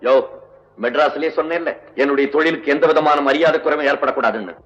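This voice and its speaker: A man's voice: fairly high pitch, a bit bright, highs cut off, lightly acted. A man playing a proud, hot-tempered musician. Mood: indignant. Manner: indignant, quick to anger. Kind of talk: old film dialogue. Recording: echoey old film soundtrack.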